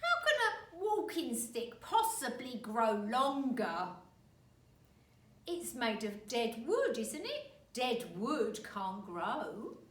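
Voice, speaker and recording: Nasty storybook husband, acted by a woman, bullying, gloating, emphatic, dragged-out words, swooping pitch. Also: huge pitch swings, roomy sound, far from the mic, full character voice. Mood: scornful. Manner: slow, emphatic, taunting.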